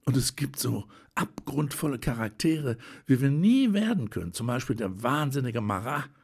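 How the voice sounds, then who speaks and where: A man's voice: medium pitch, very animated, moderate pace, gravelly, slightly rough, pitched above the performer's own voice, full character voice. A man playing an earnest, insistent lady.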